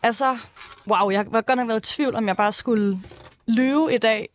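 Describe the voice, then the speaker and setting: A woman with a Danish accent in casual panel chat, speaking in a hesitant, tentative way as a guest on a music show. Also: a little high.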